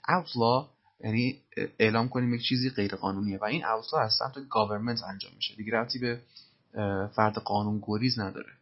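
Low gravelly male language teacher. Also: muffled recording. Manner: patient, methodical explanations. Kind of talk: explaining film dialogue.

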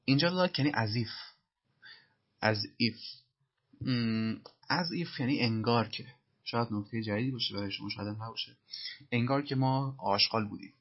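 A man teaching English in Persian, patiently repeating film lines slowly and translating them, on a dull lo-fi recording. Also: medium pitch.

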